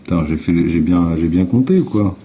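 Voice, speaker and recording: A male livestream host on his phone explains things step by step to viewers, speaking bluntly and informally, swearing and addressing them directly. His low-pitched, dark voice is animated at a moderate pace, with lo-fi sound and slight background noise.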